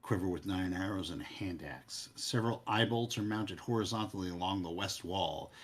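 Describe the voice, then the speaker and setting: A man narrating a tabletop game as game master, halting as he searches for words. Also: sits low.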